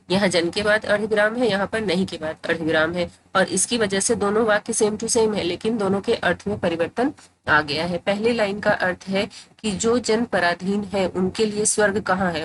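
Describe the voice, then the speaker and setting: Woman, grammar teacher, patient explaining tone, repeats phrases, medium pitch, faint noise behind. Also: low-quality recording. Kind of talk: explanatory tutorial.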